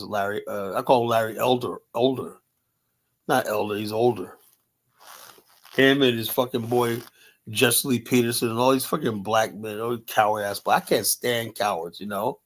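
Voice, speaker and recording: A man hosting a live stream, talking bluntly and profanely, arguing, with many "you know" fillers. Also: mid-range voice. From United States. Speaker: host. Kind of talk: combative live-stream commentary.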